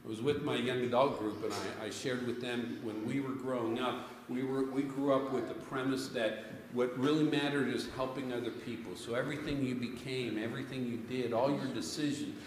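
A middle-aged pastor preaches a conversational sermon to his congregation in a church sanctuary, telling stories and asking questions. His mid-range voice is fairly even and fairly quick with hardly any pauses, caught by a far camera, so it sounds echoey with slight background noise.

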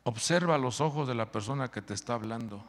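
A male pastor preaching a sermon, animated and quizzing the congregation. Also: mid-range voice, fairly quick, big-room sound.

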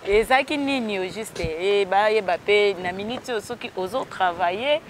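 A TV interviewer who asks questions in a hesitant way, with many pauses and fillers. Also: medium pitch.

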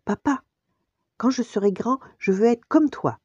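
Simba, a grandmother doing a high eager lion cub. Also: measured pace, husky, no room sound. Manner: high excited childlike voice. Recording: dull lo-fi dry recording.

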